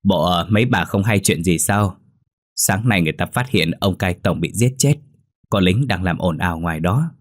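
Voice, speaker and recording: A man's voice: sits low, lively intonation, normal speed. A man voicing plain, chatty village farmhands who gossip offhandedly.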